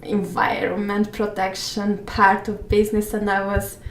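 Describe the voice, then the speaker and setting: Soft-spoken woman from Hungary, echoey room. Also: mid-range voice, little pitch movement, measured pace, slight background noise. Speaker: interview guest. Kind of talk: casual interview conversation. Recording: echoey room, mic at a distance.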